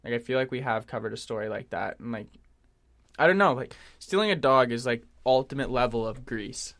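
Animated young man, casual podcast chat. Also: mid-range voice, brisk. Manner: animated, swearing, laughing often. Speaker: podcast co-host.

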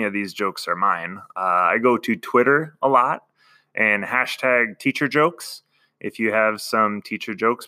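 A man's voice: lowish voice, bright, forceful tone, no room sound, clean studio sound. A man hosting a casual solo podcast, chatty and amused as he reads out jokes. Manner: chatty, amused, chuckles at his own jokes. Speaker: podcast host.

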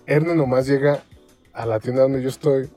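A man's voice: mid-range voice, moderate pace, soft background music. A young man with a Mexican Spanish accent, telling a story in a casual podcast chat, acting out the quotes in it with lots of slang. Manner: animated, acts out quotes, heavy slang.

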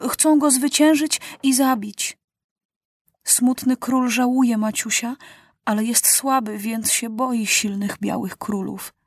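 Solemn loyal little girl, a woman doing her, calls herself by name, slow and a bit breathy, storybook. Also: on the high side, no room sound, clean studio sound, voice pushed up. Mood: solemn devotion. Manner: speaks of herself in the third person.

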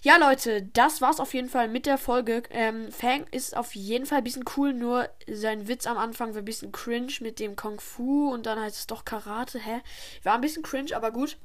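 A woman hosting and narrating her homemade story episode in a chatty, relaxed way. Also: a little high, normal speed. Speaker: narrator and host.

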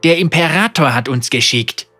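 A man voicing a scheming mercenary leader who speaks loudly and mockingly. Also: fairly high pitch, animated, normal speed, faint music behind. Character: scheming male mercenary leader, sly and menacing.

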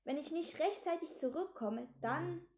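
A woman's voice: high-pitched, expressive, measured pace, darkish tone, a little hiss or hum, pitched above the performer's own voice. A woman voicing a nervous young boy who pleads and stammers in a storybook reading. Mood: pleading.

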